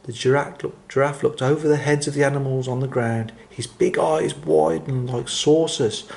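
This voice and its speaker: A man reads a children's story in a gentle, expressive voice of medium pitch. He slows his phrasing to build drama. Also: gravelly.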